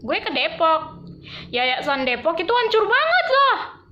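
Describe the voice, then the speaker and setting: High, bright-voiced woman telling a story. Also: muffled recording, faint music behind. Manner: animated, slangy, quick swings in emotion. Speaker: vlogger. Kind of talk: casual storytelling to camera.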